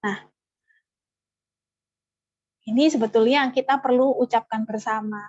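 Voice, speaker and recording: A woman leading an online parenting workshop, animated and acting out parent-child dialogues. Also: on the high side, measured pace, no echo, muffled recording. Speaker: parenting trainer.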